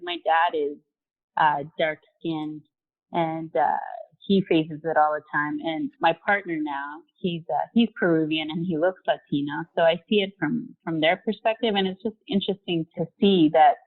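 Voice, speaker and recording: A company vice president in her forties, raised in Mexico, is a guest in a relaxed interview, talking candidly about her life with easy fillers. Her slightly low voice comes through a narrow, phone-like video-call line.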